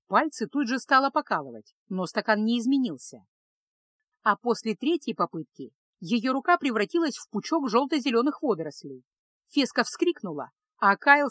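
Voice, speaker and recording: A woman reading a fantasy story aloud as narrator in an even storytelling manner. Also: on the high side, dry recording. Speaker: audiobook narrator. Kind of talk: scripted narration.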